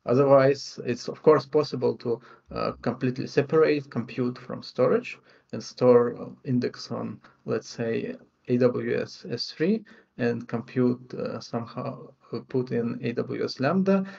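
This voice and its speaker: Gravelly man on a muffled call. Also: mid-range voice, a little slow, darkish tone. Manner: hesitant, many "uh" fillers and restarts. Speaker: panelist, vector database engineer. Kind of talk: technical panel discussion over video call. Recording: dull video-call audio.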